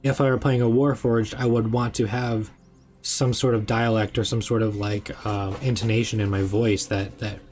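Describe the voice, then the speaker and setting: A young man who runs tabletop games, chatting casually on a stream with lots of fillers and excited asides. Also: on the low side, normal speed, soft background music. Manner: rambling, filler-heavy, excitable. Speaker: game master. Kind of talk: casual chat on a live stream.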